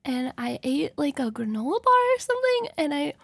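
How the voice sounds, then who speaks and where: A woman's voice: high voice, sing-song, a little fast, gravelly, fairly bright tone, dry recording, clean studio sound. A woman reacting to videos in casual chat, slangy and swearing freely.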